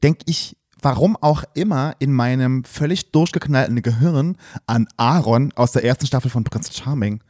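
A man chatting casually on a podcast, telling stories in an animated, exaggerated way. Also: mid-range voice, moderate pace, few pauses, no echo, studio quality. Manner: animated storyteller who exaggerates for laughs. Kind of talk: casual chat.

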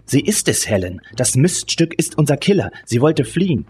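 A man's voice: lowish voice, brisk, slight background noise, natural voice. A man voicing an aggressive male police detective who barks commands, with music behind. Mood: stern. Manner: barking commands.

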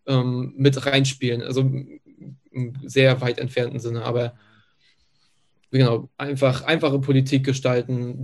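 A man's voice: mid-range voice, a little mellow. A man making an insistent point on a video call panel, repeating his phrasing. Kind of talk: panel contribution.

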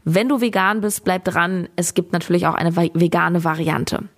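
A woman's voice: on the low side, normal speed. Young woman host, loose and chatty, talks a recipe through off the cuff. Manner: chatty, rambling, with frequent fillers and laughs. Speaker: podcast host. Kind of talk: casual recipe explanation.

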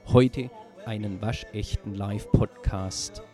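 A man presenting a local culture podcast in a friendly, measured way, then interviewing people on the street. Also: fairly low pitch, steady tone, over music. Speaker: podcast reporter.

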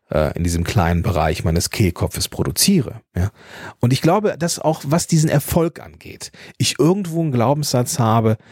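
In a dry, studio-quality recording, a German man in his thirties hosts his podcast with a reflective personal monologue full of restarts, fillers and a slight stutter on certain consonants. His mid-range voice has a darkish, slightly rough tone.

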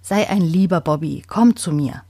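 A woman voicing a loving grandmother who talks softly and coaxingly to her pet bird. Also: medium pitch, big pitch swings, normal speed, no room sound, studio quality. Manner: soft, coaxing. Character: loving old grandmother, gentle and doting. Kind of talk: children's audio story.

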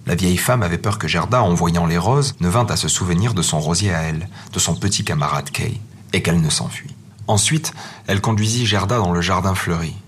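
A man narrating a fairy tale as a storybook reading, in a gentle, measured manner. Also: low-pitched, breathy edge. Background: faint music.

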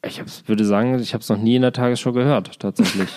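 A man's voice: mid-range voice, fairly even intonation, fast talker, a little mellow, a little hiss or hum. Rambling man chatting casually. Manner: rambling, with many fillers and dry jokes. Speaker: podcast co-host. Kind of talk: casual chat.

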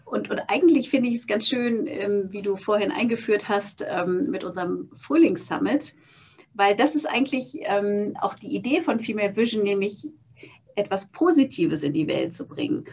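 A woman's voice: mid-range voice, animated, normal speed, darkish tone, a little hiss or hum. A woman being interviewed as a founder, speaking thoughtfully and often repeating words as she searches for them. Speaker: guest, founder. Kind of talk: conversational interview. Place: office space.

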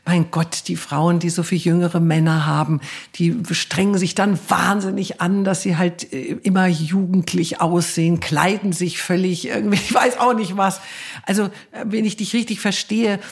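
A woman's voice: fairly low pitch, steady tone, moderate pace, slightly rough. A woman interviewer asking questions in a conversational way, searching for her words as she talks. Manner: hesitant, many fillers and restarts.

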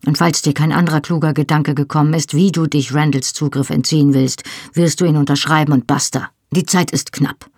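A man's voice: fairly high pitch, fairly even intonation, a little fast, hardly any pauses, darkish tone, breathy edge, no room sound, studio quality. A reader voicing a man, an impatient, domineering clan leader who speaks curtly and commandingly, in an audiobook. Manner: curt, commanding.

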